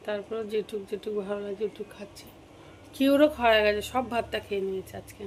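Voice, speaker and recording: A woman from Bengal, a family vlogger, chats casually with her viewers as she cooks at home and walks around, sounding a little unwell with a cold. Her voice is medium-pitched and slightly mellow, and the low-quality recording carries slight background noise.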